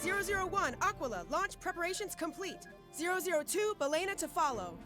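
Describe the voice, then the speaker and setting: An actress playing a formal launch control announcer in a video game. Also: female voice, very high-pitched, very animated, fairly quick, over music.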